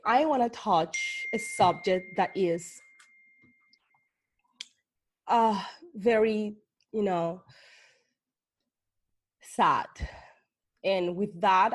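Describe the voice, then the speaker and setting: A woman's voice: mid-range voice, takes it slowly, pauses often, husky. A woman from Colombia, hosting an interview and asking earnest, searching questions with many fillers. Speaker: host. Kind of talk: conversational interview.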